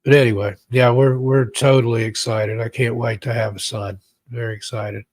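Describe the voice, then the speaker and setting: A man hosting a late-night live stream, chatting casually with viewers in a rambling way, with frequent fillers and throat-clearing. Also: mid-range voice, little pitch movement, moderate pace, a little mellow, no echo. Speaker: live stream host and storyteller.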